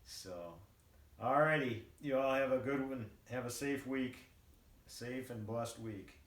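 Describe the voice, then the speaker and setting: Slow-talking older man, halting and reflective. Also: medium pitch. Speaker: vlogger. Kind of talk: casual devotional reflection, rambling monologue. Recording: roomy, distant mic, faint background noise.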